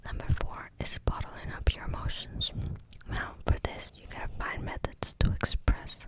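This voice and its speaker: A woman giving a whispered ASMR pep talk, breathy and intimate, in an encouraging, conversational way. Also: normal speed. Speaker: ASMR content creator.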